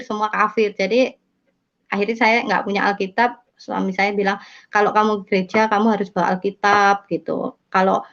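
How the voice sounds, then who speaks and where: A woman casually telling her conversion testimony, rambling with many fillers and self-corrections. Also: mid-range voice. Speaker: testimony speaker. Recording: dull lo-fi sound.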